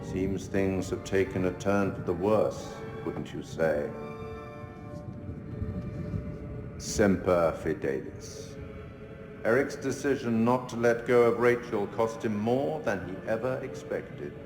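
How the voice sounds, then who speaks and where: An actor playing a sinister, refined gentleman who hosts horror tales in a video game, speaking in a measured, ominous and wryly courteous theatrical manner. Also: on the low side. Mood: ominous, grave. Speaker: narrator host addressing the player. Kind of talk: theatrical scripted monologue, literary quotations. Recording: echoing hall reverb, music behind.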